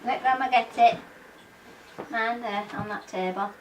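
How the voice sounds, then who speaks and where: An older woman, coaxing a toddler in sing-song baby talk at home, sometimes dropping to soft murmurs. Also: a little high, unhurried, echoey room. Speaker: grandmother playing with a toddler. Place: family home, indoors. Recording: distant home-video audio with background noise.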